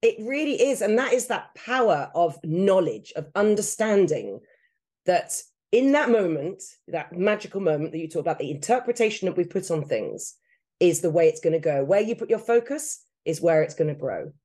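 Brief: woman co-host, mellow warm tone, earnest explainer. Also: lowish voice, big pitch swings, normal speed. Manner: earnest, explanatory, builds points with repetition. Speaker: podcast co-host and coach. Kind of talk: casual podcast chat.

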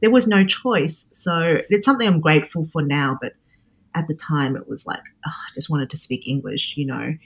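Poor audio carries a low, husky female voice at normal speed: a chef and cookbook author in her forties with an Australian accent, guesting on a reflective interview. She is thoughtful, with many fillers and restarts.

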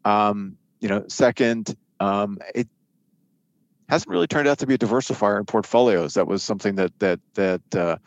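Guy w/ lowish voice doing markets analysis in an interview, kinda halting, repeats words, really dry sound. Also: dry recording, muffled recording. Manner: halting, repeats and restarts words mid-thought. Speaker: financial markets editor, interview guest. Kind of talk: conversational expert analysis.

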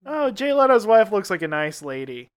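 A man's voice: high voice, clear, resonant tone. A man co-hosting a comedy podcast, joking and laughing often. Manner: animated, joking, quick laughs. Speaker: podcast co-host. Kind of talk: casual comedy chat.

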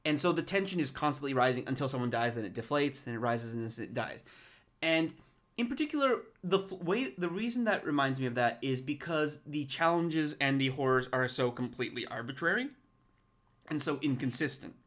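A man co-hosting a movie podcast in casual chat, excitable and ranting, swearing freely. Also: medium pitch, a little fast. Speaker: podcast co-host.

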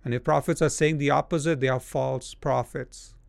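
A man preaching a sermon in a blunt, scolding way. He reads scripture verses slowly and then presses his point hard. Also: medium pitch, fairly even intonation, vocal fry, no room sound.

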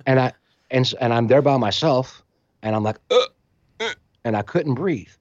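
A man telling a story in casual conversation, animated and acting out other people's voices, in a slightly muffled recording. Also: mid-range voice, a little fast, dry recording. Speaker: storytelling guest musician.

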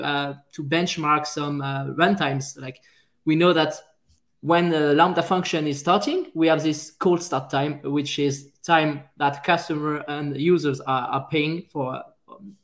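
A man with a French accent and a slightly higher voice speaks as an interview guest. He talks casually and pauses often with fillers, circling back to restart his sentences. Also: a bit bright. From France. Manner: hesitant, many fillers and restarts. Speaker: guest, software engineer.

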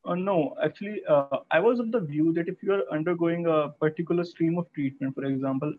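A young man with a North Indian accent giving a personal account in an interview, speaking haltingly with frequent restarts. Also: on the high side, slight background noise. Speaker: interview guest, cancer survivor. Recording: thin, phone-like call audio.

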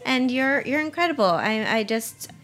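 A woman's voice: sits high, animated, normal speed, a bit bright. Lady hosting a food show, chatty, trips over her words a lot. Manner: chatty with frequent restarts and laughs. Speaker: podcast host. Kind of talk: casual radio interview chat.

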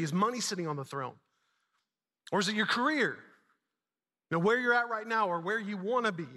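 A man's voice: high-pitched, bright, forceful tone. A man preaching a conversational church sermon in informal, slangy wording, emphatic, with repeated phrases and rhetorical questions. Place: large reverberant indoor church space. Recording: hall reverb on the voice.

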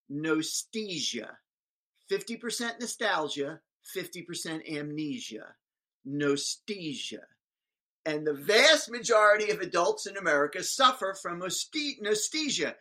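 Emphatic older speaker with a bright voice. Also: medium pitch, low-quality recording. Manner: emphatic, speechmaker's rhythm with sudden loud rises and slow stresses. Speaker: guest speaker on public schools. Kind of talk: animated interview storytelling.

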